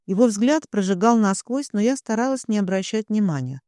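A woman reading a first-person romance novel aloud in an even, measured manner. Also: mid-range voice, dry recording, clean studio sound. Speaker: audiobook narrator.

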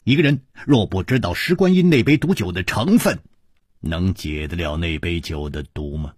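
A man voicing a shrewd, cool-headed male swordsman hero who reasons slowly and deliberately. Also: sits low, expressive, husky, dry recording, studio quality. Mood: probing. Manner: slow, deliberate, coldly reasoning.

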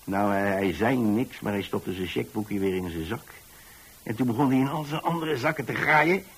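In a radio monologue, an actor plays an older retired landlord who is tolerant and folksy, telling his story hesitantly and repeating himself in a wry, chatty mood. The voice is fairly low, at normal speed, fairly bright with a breathy edge.

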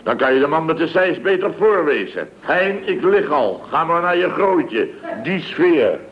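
A blustering, excitable contractor boss who stammers and breaks into loud yelps. His slightly high voice swings widely in pitch. The sound is a dull, lo-fi old radio recording. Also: unhurried, slight background noise. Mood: rueful. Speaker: boss of a building firm. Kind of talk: 1960s radio comedy acting.

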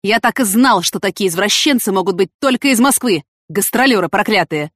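A woman voicing a loud, mocking male police lieutenant who shouts accusations. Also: medium pitch, expressive, fairly quick, dry recording, clean studio sound. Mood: mocking, shouting.

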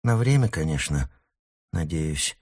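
A man's voice: rumbling low, expressive, measured pace, darkish tone, heavily acted. A man doing a nervous, irritable young woman. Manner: muttering, edgy.

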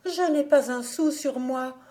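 A woman voicing a timid young village woman who speaks in anxious, pleading tones, higher than her own voice. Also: unhurried, dark tone. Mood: distressed. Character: Marie Cornic, young woman, timid and bewildered.

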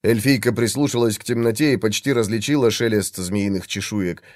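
Man narrating a dark fantasy audiobook. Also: lowish voice, brisk, no echo, clean studio sound.

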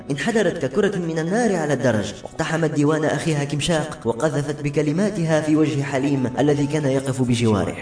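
A man narrating a novel in an expressive reading voice. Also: on the high side. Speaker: audiobook narrator. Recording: roomy echo with faint music.

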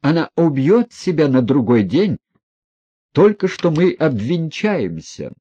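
A man reading an audiobook, voicing a proud, passionate young woman who presses with rapid, agitated questions. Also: medium pitch, sing-song, mellow, husky, dry recording, exaggerated voice. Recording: dry, dull close recording.

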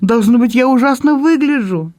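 A man's voice: very high voice, animated, moderate pace, a little mellow, voice pushed up. A man reading an audiobook and voicing a tearful young woman in love, speaking in a sobbing, breathless way. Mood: startled.

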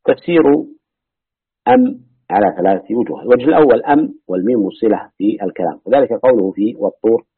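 Low husky man reading scripture commentary. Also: big pitch swings, no echo. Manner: measured reading that drops to low asides. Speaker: reader and teacher of Quran commentary. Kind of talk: reading a classical commentary aloud with brief remarks. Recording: dry, tinny phone-like audio.

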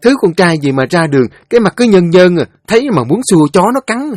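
Brief: male narrator putting on a screeching, cursing village girl, pitched very high, dry studio sound. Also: sing-song, a little mellow, no room sound, faint music behind. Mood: furious. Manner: screeching, cursing, fast threats. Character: foul-mouthed shrill teenage village girl.

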